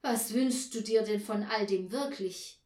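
An exasperated storybook father, as a woman acts him out, protests loudly in disbelief. He keeps a slow, deliberate pace. His voice echoes around a roomy space. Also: mid-range voice, distant mic, close to an everyday voice. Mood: grumbling. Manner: loud, exasperated. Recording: roomy echo.

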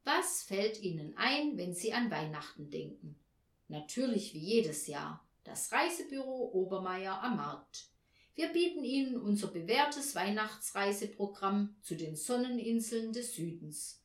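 A woman reading aloud, voicing a joking, impatient middle-aged father in a gruff, lower voice. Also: very animated, a little slow, roomy sound.

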